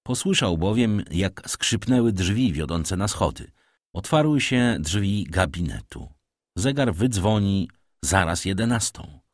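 Male audiobook narrator, low husky voice, lively intonation, dry close sound. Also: unhurried, no echo. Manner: expressive, dramatic storytelling.

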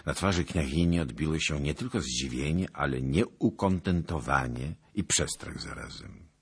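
Male audiobook narrator, very deep and husky, measured.

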